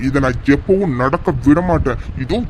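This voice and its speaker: An arrogant rich middle-aged father, played by a man in a cartoon serial. He scolds with slow, contemptuous taunts. A faint hiss sits behind him. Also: fairly high pitch, a little mellow, natural voice, low-quality recording. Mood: scornful. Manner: scornful, scolding, drawn-out taunts.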